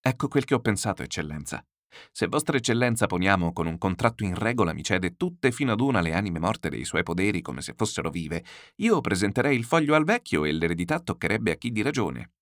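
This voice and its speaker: A man doing a fawning, flattering schemer. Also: lowish voice, brisk, dry recording, studio quality. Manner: obsequious, flattering. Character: smooth, fawning middle-aged male schemer.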